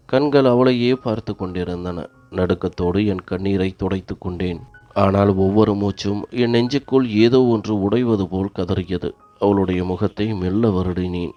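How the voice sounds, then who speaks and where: A man's voice: sits low, unhurried, lo-fi sound. A man narrating a first-person story in an emotional, grieving manner. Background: faint background music.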